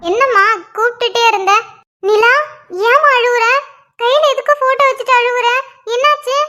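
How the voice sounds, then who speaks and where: A woman's voice: very high voice, steady tone, moderate pace, sharp tone. A woman voicing a middle-aged mother who coaxes and reassures her daughter in a cartoon. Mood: soothing. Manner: reassuring, coaxing. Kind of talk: cartoon voice acting.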